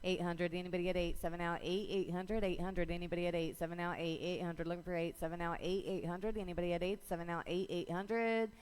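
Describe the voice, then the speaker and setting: A woman auctioneer calling bids in a rapid, rhythmic chant, repeating numbers over and over at a live auction. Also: lowish voice, level tone, darkish tone, clean tone.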